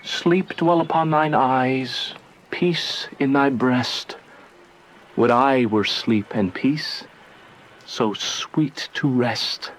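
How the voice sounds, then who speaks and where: A man's voice: medium pitch, extremely slow, slight background noise. An actor playing an ardent, lovestruck young nobleman in a Shakespearean radio drama, speaking verse in a romantic, poetic way. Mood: tender, lovestruck.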